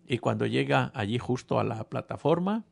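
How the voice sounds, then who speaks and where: A man's voice: medium pitch, lively intonation, normal speed, gravelly. A man preaching a sermon, telling a humorous personal story and speaking directly to the congregation. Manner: humorous storytelling, addresses audience.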